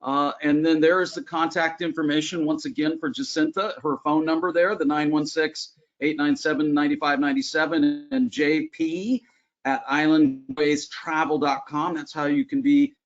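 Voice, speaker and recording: Male webinar host, slightly high voice, chatty and upbeat, frequent "uh"s, dull video-call audio. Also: moderate pace. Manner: chatty, upbeat, many filler "uh"s. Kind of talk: casual webinar presentation.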